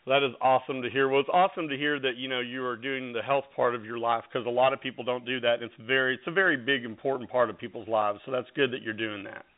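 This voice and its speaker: A man's voice: mid-range voice, steady tone, fast, few pauses. A man hosting a radio interview in an upbeat, hyping manner. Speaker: radio show host. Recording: phone-like narrow sound.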